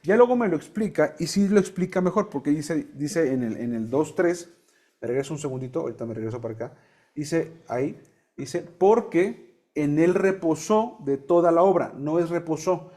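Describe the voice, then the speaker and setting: Man, fairly high voice, teaching an interactive Bible class. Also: animated, dark tone. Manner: explains slowly, quizzes the class, jokes.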